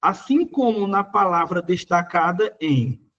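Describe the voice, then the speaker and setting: A man's voice: high-pitched, lively intonation, unhurried, a bit bright, muffled recording. A Brazilian Portuguese man teaching, working through exam questions in a casual, conversational way, full of little fillers.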